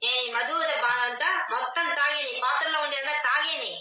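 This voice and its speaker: A woman's voice: high-pitched, steady tone, fairly quick, bright, forceful tone, soft background music. A woman acting out a wrathful goddess who scolds a roaring demon, commanding and scornful, repeating her orders. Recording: roomy, distant, dull online class audio.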